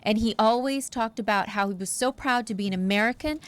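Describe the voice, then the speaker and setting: A woman as a TV interview guest, telling anecdotes and promoting an event with lively emphasis. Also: on the high side, fairly quick.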